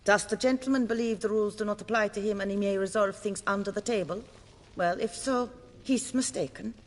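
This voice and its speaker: A woman's voice: mid-range voice, a little fast, close to an everyday voice. An actress playing an officious, unhelpful bank clerk in a video game, prim and condescending in her politeness. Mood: haughty. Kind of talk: scripted video game dialogue. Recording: long reverberant hall.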